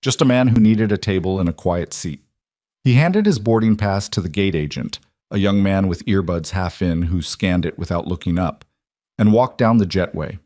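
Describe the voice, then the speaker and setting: A man reading a scripted story in a measured, even storytelling manner. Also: sits low, dry recording, clean studio sound. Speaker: narrator.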